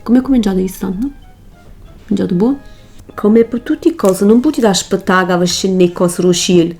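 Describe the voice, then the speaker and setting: A woman with a Neapolitan Italian accent gives a chatty makeup tutorial in dialect, with music playing behind her. Her mid-range voice has a darkish tone and moderate pace, and she's colloquial and emphatic, repeating herself for stress.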